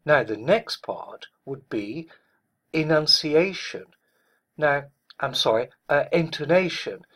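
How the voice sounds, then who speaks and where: Slow, husky male speech coach. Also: a little high, lively intonation, fairly bright tone. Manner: measured, deliberate, stresses words clearly. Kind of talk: instructional talk.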